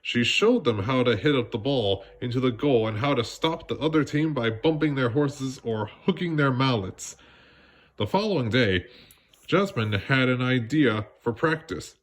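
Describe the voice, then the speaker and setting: A man acting as storybook reader reads a children's story aloud, narrating expressively with very animated pitch at a moderate pace. Now and then he trips over a word and corrects himself.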